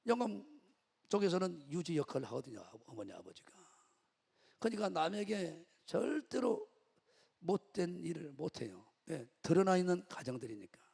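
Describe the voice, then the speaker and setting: A middle-aged man preaches a sermon in a high, swooping voice with a gravelly, husky edge. He tells his story with rhetorical questions to the congregation. His voice rings through a large church hall with long reverb. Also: very animated, moderate pace, a little mellow. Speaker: pastor. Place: church sanctuary.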